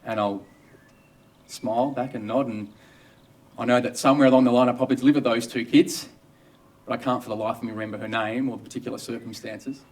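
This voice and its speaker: An Australian obstetrician recounts his own story in a first-person monologue, with wry, dry humor. His medium-pitched voice stays steady, he speaks quickly, and he sounds far from the mic.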